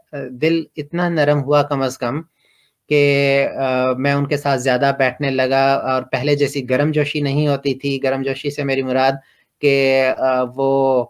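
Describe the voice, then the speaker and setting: A middle-aged man from Pakistan, telling his personal story slowly and hesitantly, with many pauses and fillers. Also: mid-range voice. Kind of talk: reflective personal testimony.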